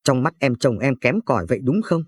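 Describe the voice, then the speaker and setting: A man's voice: mid-range voice, expressive, brisk, a little mellow, slightly rough, no echo. A man voicing a curt, irritable young husband in a spoken story. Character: young husband, touchy and money-hungry.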